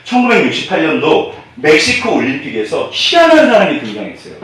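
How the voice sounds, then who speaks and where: A male pastor delivers a sermon, his voice climbing high and dropping low as he throws questions out to the congregation. He jumps from loud, emphatic bursts to hushed asides. The sound is roomy and distant, with a long church-hall echo. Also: a little fast. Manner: animated, call-and-response questions to the congregation; swings between loud emphatic bursts and near-whispered asides. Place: church sanctuary.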